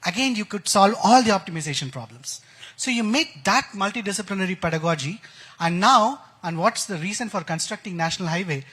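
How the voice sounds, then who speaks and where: On a conference stage, an Indian-accented man appears as an enthusiastic expert guest in an interview, explaining technical ideas with analogies and jargon. His high voice is expressive, brisk, fairly bright, and husky.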